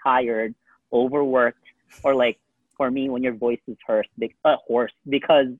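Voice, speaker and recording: A man co-hosts a laid-back podcast chat, wandering through his thoughts with a steady stream of "like" and "um". His voice sits at an ordinary middle pitch. The sound is narrow and phone-like, with no room echo at all. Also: measured pace. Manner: rambling, heavy use of "like" and "um". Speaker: podcast co-host. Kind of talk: casual chat. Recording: tinny phone-like dry sound.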